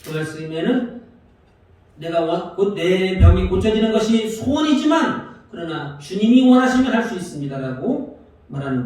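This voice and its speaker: A man's voice: high-pitched, a little mellow, very echoey, recorded from a distance, poor audio. A male pastor preaching a sermon in a church, putting questions to the congregation and acting out prayers as he goes. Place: church sanctuary.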